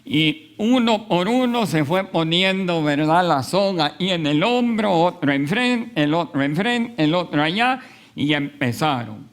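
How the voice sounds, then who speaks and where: A man preaching a sermon, telling a story with frequent pauses and fillers. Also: high-pitched, lively intonation. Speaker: pastor.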